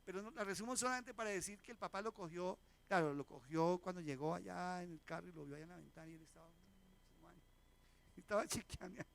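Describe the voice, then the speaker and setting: This is a man preaching. His voice sits high for a man. He keeps asking the congregation questions and acts out the people in his anecdotes. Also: quick pace, gravelly, a bit bright. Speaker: pastor. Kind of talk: sermon. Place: church sanctuary.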